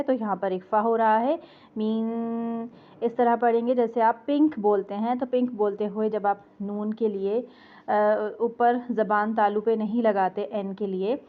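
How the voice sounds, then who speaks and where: A woman teaching Quran recitation, explaining pronunciation rules patiently and breaking words into syllables. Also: fairly high pitch. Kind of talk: tajweed lesson with slow recited examples. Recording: tinny phone-like audio.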